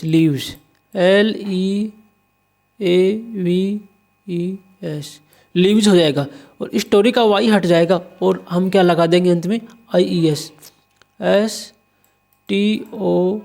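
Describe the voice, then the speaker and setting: Teacher, from India, deliberate unhurried delivery, spells words out letter by letter, answers own questions, exam walkthrough. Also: medium pitch, a little mellow. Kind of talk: exam paper walkthrough lesson.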